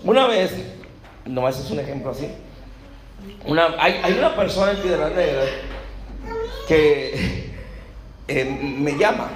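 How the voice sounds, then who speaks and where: Mexican guy preaching, pretty high voice, keeps asking the crowd "right?", echoey church room. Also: expressive, unhurried, long pauses. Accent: Mexican Spanish. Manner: preaches with questions to the congregation and acted Bible dialogue. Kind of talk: sermon. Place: church hall.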